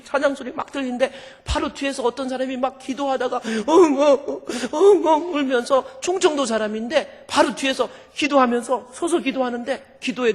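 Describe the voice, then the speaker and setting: A man preaching a sermon as pastor, retelling a story in a lively way. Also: very high-pitched. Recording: long church hall reverb.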